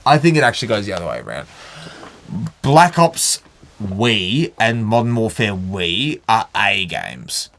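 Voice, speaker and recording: A man's voice: fairly low pitch, very animated, unhurried, gravelly, a bit bright. Boisterous mock-outraged man. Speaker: podcast co-host. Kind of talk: casual chat.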